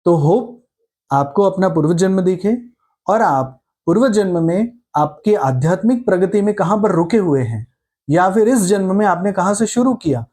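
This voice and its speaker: A man guiding a past-life regression meditation, explaining calmly and patiently, then leading listeners into relaxation. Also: sits high, breathy edge. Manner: calm, unhurried, reassuring explanation; slower and softer when guiding the meditation. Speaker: hypnosis meditation guide. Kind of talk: slow guided meditation instruction.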